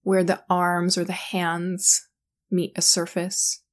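A woman guiding a sleep meditation in a calm, soothing, slow manner. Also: on the low side. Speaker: meditation guide.

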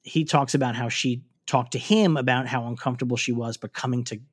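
A man's voice: mid-range voice, brisk, breathy edge. A man co-hosting a casual podcast, recapping a TV episode in a chatty way with frequent fillers and restarts. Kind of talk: casual chat.

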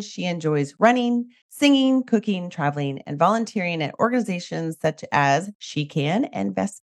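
Nasal, congested middle-aged woman hosting, lively pitch. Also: gravelly. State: under the weather with a cold. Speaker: podcast host. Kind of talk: upbeat scripted podcast introduction and chat.

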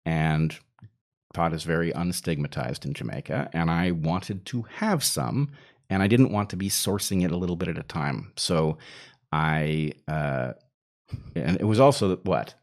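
A man with a very deep, low voice tells a long personal story in an easygoing, conversational way. He meanders, restarts and pads his sentences with fillers before getting back on track. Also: unhurried. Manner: rambling, self-interrupting with fillers. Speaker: storyteller guest. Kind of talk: casual anecdote.

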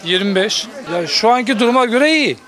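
A man's voice: high voice, animated, fairly quick, a crowd in the background. A man selling at an outdoor market, complaining insistently in a street interview. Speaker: market vendor. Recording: music and street market noise behind.

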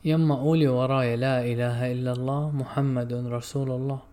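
A man voicing a grieving son, hushed and choked. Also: medium pitch, fairly even intonation, fairly quick, natural voice. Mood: tender pleading. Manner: soft, choked, pleading whisper. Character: grieving middle-aged son pleading with his dying mother.

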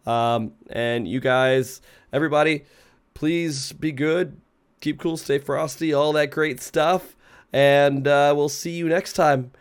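A man's voice: fairly high pitch, fairly even intonation, slow, clear, resonant tone. A man with a stuffy, sick-sounding nose hosting a gaming talk show in a casual, laid-back way. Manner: laid-back, sweary, laughs often. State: sick with a cold. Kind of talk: casual chat. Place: remote online group call, streamed.

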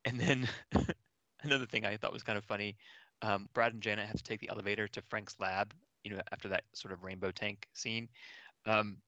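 Wry low-voiced man with a bright tone. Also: steady tone, a little fast, dry recording. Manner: wry, joking asides. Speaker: podcast co-host. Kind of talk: casual movie discussion.

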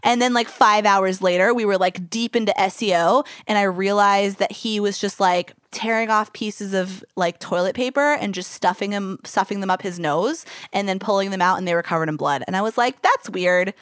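A woman's voice: medium pitch, moderate pace, hardly any pauses, a bit bright, no echo, clean studio sound. A young woman from Kentucky, co-hosting a casual chat and telling a travel story in a chatty, playful way with lots of "like". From Kentucky, USA. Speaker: podcast co-host.

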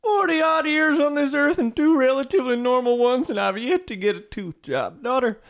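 A man's voice: very high-pitched, moderate pace. An actor playing a folksy, rambling middle-aged town drunk father, cheerful and dim, in a comic audio drama. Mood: giddy.

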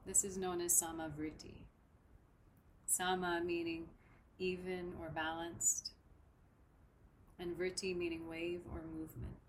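A woman guides listeners through a breathing meditation, speaking softly and very slowly. Her voice sits a little low. Faint background hiss runs under the recording. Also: flat delivery. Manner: slow, soft, soothing instruction.

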